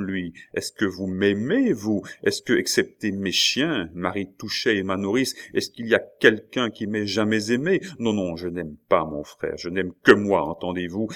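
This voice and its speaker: A feverish young king, bitter and quick to wrath, declaims in a deep, low voice, as a man reads him out. The delivery is agitated and theatrical, pitched like a storybook reading. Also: lively intonation, fairly bright tone.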